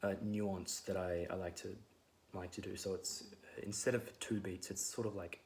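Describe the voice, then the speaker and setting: A man with a hoarse voice giving a relaxed guitar lesson, rambling with many fillers as he explains the chords. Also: low voice, moderate pace, slight background noise. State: losing his voice. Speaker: guitar teacher. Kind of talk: casual guitar tutorial. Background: his own loud acoustic guitar playing.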